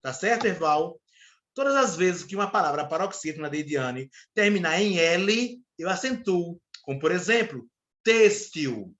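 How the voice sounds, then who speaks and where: A man's voice: high voice, expressive, moderate pace, a bit bright. A man with a Brazilian Portuguese accent, teaching an online class, explaining rules step by step and checking in with his students. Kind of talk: live online class lecture.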